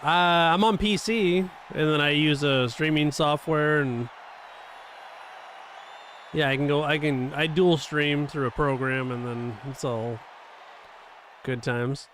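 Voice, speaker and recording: A man casually chatting with his viewers while he live-streams a racing game. He talks in a relaxed way and chuckles often. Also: a little high, slow, long pauses, slight background noise. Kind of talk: casual gaming stream chat.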